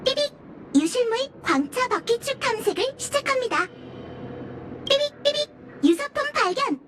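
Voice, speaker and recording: Beeping helper robot. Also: female voice, extremely high pitch, very animated, moderate pace, a bit bright, a little hiss or hum, full character voice. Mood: announcing. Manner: polite, chirpy, announces steps like a machine. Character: chirpy little household finder robot, eager to help. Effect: robot voice, beeping before lines. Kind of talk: video game dialogue.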